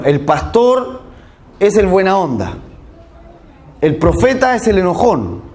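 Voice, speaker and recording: High-voiced man preaching a sermon. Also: darkish tone. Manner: conversational, checks in with listeners, acts out quoted voices.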